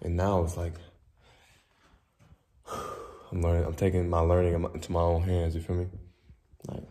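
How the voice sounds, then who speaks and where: A man's voice: deep voice, completely flat delivery, normal speed, slight background noise. Young man, laid-back slangy vlog chat. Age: young adult. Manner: laid-back slangy talk, drifting soft and reflective. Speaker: vlogger. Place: quiet indoor room, an old church. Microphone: phone camera held close.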